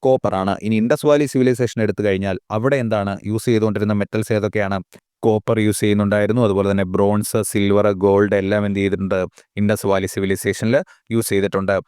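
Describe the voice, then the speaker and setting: Male exam tutor, resonant low voice, repetitive question-answer drilling, dry recording. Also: darkish tone, clean tone, no echo. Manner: asks rhetorical questions and answers them himself; repeats key facts, mixing English terms into Malayalam. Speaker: exam coaching teacher. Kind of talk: recorded lesson.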